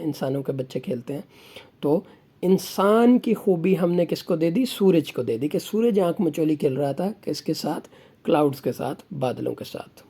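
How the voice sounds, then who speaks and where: Man, teacher, grammar lesson, asks and answers his own questions, warm mellow voice. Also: a little high, husky. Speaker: English teacher.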